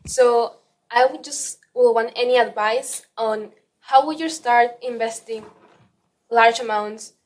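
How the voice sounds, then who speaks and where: A woman's voice: on the high side, slow pace. A woman from Ecuador in the audience asking a panel a question, hesitant and full of fillers.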